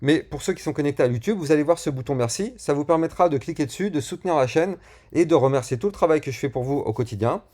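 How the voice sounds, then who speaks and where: A man's voice: a little high, lively intonation, quick pace, a little mellow. Male crypto YouTuber, casual and slangy, filler-heavy chart walkthrough. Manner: chatty, with frequent fillers and slang. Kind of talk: chart analysis and channel promotion.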